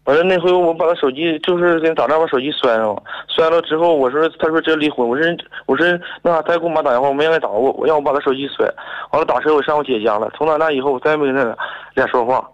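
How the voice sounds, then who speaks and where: Young man, radio caller; quick, hesitant, fairly high voice. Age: 20s. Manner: hesitant, stammering, restarts often. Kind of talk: call-in conversation. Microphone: phone. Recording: dull phone-line audio.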